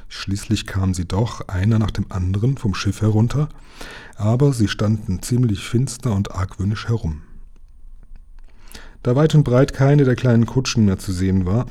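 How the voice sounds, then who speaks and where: A man reading a children's book aloud in a calm, measured storytelling manner. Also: fairly low pitch, breathy edge. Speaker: reader.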